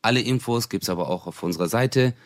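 A man playing a courteous hotel receptionist, voice dropped low and soft. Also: quick pace, no echo, clean studio sound, natural voice. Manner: calm, courteous service tone. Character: polite hotel receptionist, patient and formal.

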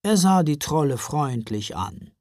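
A woman narrating a children's storybook in a lively, expressive way. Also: deep voice, unhurried, no room sound, studio quality. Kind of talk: storybook reading.

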